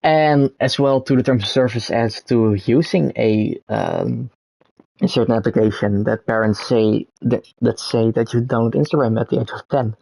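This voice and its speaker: Speaking off the cuff to camera, this young content creator from the Netherlands has a Dutch accent and keeps saying um and correcting himself. The gravelly, dark-toned voice sits at medium pitch with moderate pacing, in a low-quality recording with no echo.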